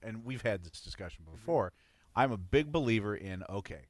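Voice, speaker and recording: A man's voice: on the low side, animated, brisk, no echo. A man in casual podcast chat, hesitant but opinionated.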